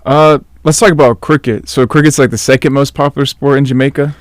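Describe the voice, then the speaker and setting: A young man hosting a casual interview podcast, asking relaxed questions full of "uh"s. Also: medium pitch, brisk, no room sound, studio quality. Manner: relaxed, filler-heavy questions. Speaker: podcast host.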